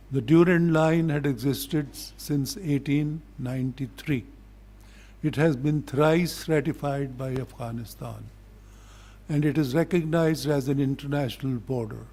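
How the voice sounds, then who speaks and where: A medium-pitched, dark-toned voice belongs to an older man with a Pakistani accent. In the role of a diplomat giving a formal public address, he speaks deliberately and bluntly, admonishing his listeners.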